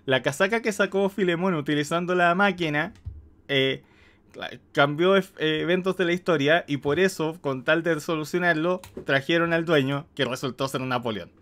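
A man's voice: a little high, moderate pace, a bit bright. A man with a Latin American Spanish accent giving casual, amused reaction commentary. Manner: amused, breaks into chuckles. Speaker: reaction host.

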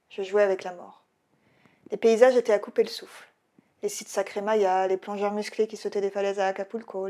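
A woman's voice: mid-range voice, warm tone. Woman reading her own novel aloud. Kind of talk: audiobook reading.

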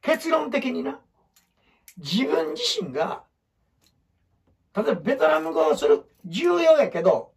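A man's voice: extremely high pitch, very animated, a little slow, vocal fry, long pauses, a little mellow. A man with an Osaka Kansai accent in a casual, blunt, rambling talk, explaining ideas with a whiteboard. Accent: Osaka Kansai dialect. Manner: blunt, rambling, acts out quotes in other voices. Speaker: photographer giving life advice.

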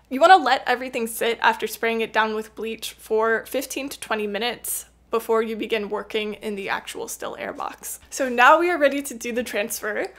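A young woman with a somewhat high, slightly bright voice hosts a how-to channel on plant tissue culture. She gives friendly, patient step-by-step instructions with small laughs, mixing casual voice-over with live coaching.

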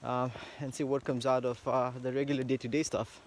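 A man's voice: mid-range voice, little pitch movement, a little fast, a little hiss or hum. A man vlogging casually as he walks outdoors on a snowy rural property, thinking aloud with lots of fillers. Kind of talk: casual walk-and-talk vlog. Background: faint outdoor rural ambience.

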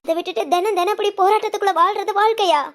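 Cartoon mom, middle-aged and fretful, woman voices her, squeaky-high, fast, rambling complaints. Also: fairly even intonation. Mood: lamenting. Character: worried middle-aged village mother, lamenting. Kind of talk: cartoon family drama phone call.

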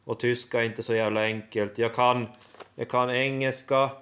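A young man vlogging casually, halting and restarting often as he tries out new words. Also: medium pitch, level tone, fairly bright tone. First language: Swedish and Finnish. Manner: halting, full of restarts and fillers, sounding out foreign words. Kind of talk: casual vlog.

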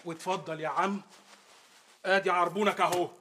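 An actor playing a boastful, shady antiquities dealer with a husky voice and an Egyptian accent. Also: male voice, high-pitched, steady tone, normal speed, sharp tone, heavily acted. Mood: brash. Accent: Egyptian Arabic. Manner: brash, bragging.

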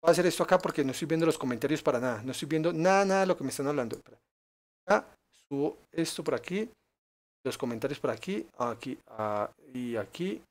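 Streamer man, high voice, excitable live play commentary. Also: fast talker. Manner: excitable, yelps and laughs at danger, chats with viewers. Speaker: gaming streamer.

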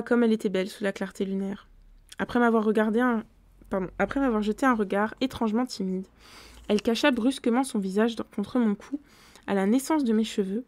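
A woman reading a classic novella aloud on a live stream, in steady storytelling with occasional self-corrections. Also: mid-range voice, no echo. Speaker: book reader on a live stream.

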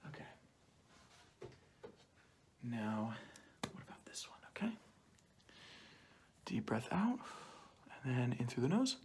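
This ASMR examiner roleplay features a young man in a cloth mask whose mid-range voice is very animated yet slow, with frequent pauses. He speaks softly, often whispers, and repeats brief phrases close to the mic. It's a clearly noisy home recording with clicks, set in a small plain room.

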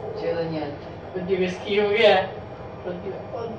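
A man's voice: high-pitched, moderate pace, dull audio, background noise. A teenage boy, chatting in exclamations with whiny, dramatic complaints, recorded across a table in a kitchen. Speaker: blindfolded challenge contestant. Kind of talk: casual exclamatory chat. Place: small home kitchen, indoors. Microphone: camera mic across a table. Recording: echoey, distant room mic, music behind.

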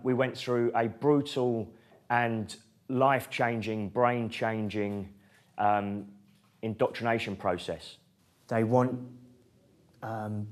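A man, a former soldier, describing military indoctrination in a measured, deliberate way. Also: lowish voice. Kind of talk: interview testimony.

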